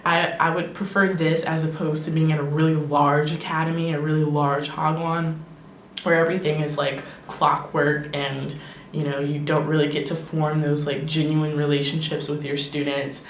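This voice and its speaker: A young woman in her twenties, an English teacher, chatting casually to her camera vlog with lots of fillers and quick laughs. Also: deep voice, little pitch movement. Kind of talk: casual talking-head vlog. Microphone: camera microphone. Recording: echoey room with faint noise.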